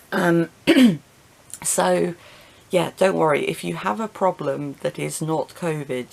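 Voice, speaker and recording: Young woman vlogger, low gravelly voice, hesitant ramble full of ums, light hiss behind. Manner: self-deprecating, chuckling now and then. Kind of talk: rambling casual chat to camera. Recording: faint hiss.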